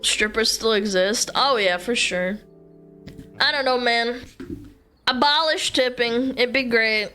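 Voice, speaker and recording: A woman giving casual, blunt opinions in a played-back video clip. Her voice sits a little high and sounds bright and forward. Faint music plays under her talk. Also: slow pace. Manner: blunt and offhand. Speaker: commentator in a reacted clip.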